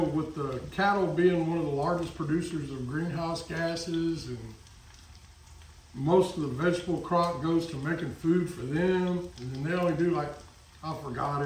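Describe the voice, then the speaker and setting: A man's voice: a little high, recorded from a distance, a little hiss or hum. A man from Texas with a Texan accent, chatting casually while he cooks in his kitchen, folksy and full of asides. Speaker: cooking vlogger. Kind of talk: casual cooking chat. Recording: echoey, from off-mic, frying in background.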